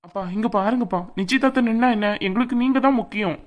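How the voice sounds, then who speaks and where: A woman's voice: fairly high pitch, highs cut off, lightly acted. A woman voicing a caring young adult son who firmly reassures his sick father. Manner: quick, firm and reassuring.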